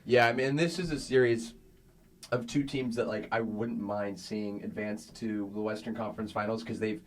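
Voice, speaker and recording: A man's voice: on the low side, fairly even intonation, normal speed. A man hosting a casual sports podcast, easygoing, often repeating himself and laughing. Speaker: podcast host. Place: podcast recording.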